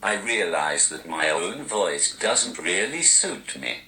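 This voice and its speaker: Deep, posh robotic speech-device voice of a man. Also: takes it slowly, roomy sound, low-quality recording. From Newcastle, England. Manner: dry, self-mocking deadpan delivery. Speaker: stand-up comedian. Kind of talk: interview answers typed into a speech device.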